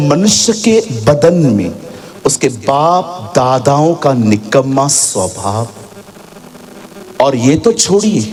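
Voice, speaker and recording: A man preaching a sermon as a pastor in a church, animated and sometimes shouting, mixing English phrases into his talk. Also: medium pitch. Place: church hall with congregation.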